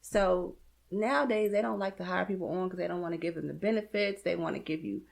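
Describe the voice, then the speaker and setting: A woman, a guest on an interview show, telling a personal story in a lively way and acting out the conversations she had. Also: on the low side, brisk, creaky, slight background noise. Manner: retells events with lots of "like" and acted-out dialogue.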